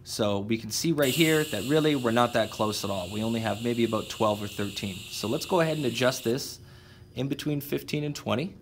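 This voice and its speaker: A man's voice: medium pitch, brisk, slight background noise. A man teaching welding in a workshop, explaining each step plainly while he demonstrates. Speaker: welding instructor. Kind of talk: instructional demonstration.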